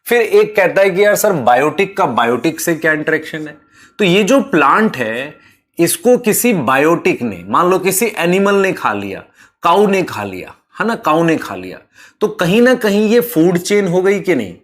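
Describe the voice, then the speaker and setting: Man teaching biology, questioning students. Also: high voice. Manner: explains step by step, asks students questions; mixes English terms into Hindi. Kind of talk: classroom lecture.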